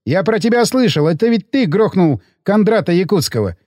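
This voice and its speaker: A man's voice: high-pitched, big pitch swings, brisk, a little mellow, dry recording, clean studio sound. A man voicing a breathless pious soldier. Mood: urgent. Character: devout male mercenary, breathless and wary.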